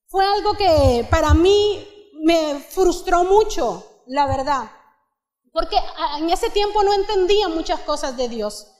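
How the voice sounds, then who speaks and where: A young woman with a Mexican accent giving an earnest testimony sermon that rises into fervent exhortation, in a church. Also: extremely high pitch. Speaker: guest preacher. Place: church hall. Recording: long church hall reverb.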